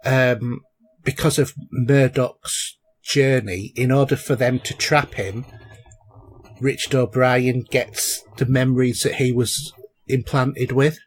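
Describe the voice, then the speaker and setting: He speaks slowly, in a medium pitch with fairly even intonation. As a podcast co-host, he rambles through casual film and show talk, dropping in frequent fillers and restarts.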